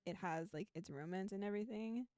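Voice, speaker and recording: This woman's voice sits at medium pitch, brisk and a little mellow, as she streams a visual novel. She moves between reading aloud and casual, giggly, chatty commentary while background music runs underneath.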